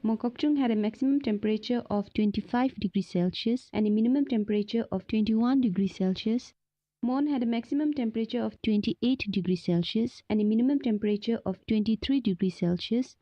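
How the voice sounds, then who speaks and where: A woman's voice: fairly high pitch, brisk, highs cut off. A woman presenting a scripted weather report.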